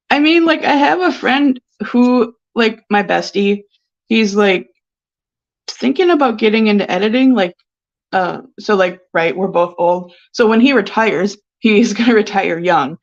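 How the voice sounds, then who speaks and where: A woman's voice: medium pitch, slow pace. A sniffly woman painter chatting casually on a live stream, rambling and giggly with lots of filler words. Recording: dull lo-fi stream audio.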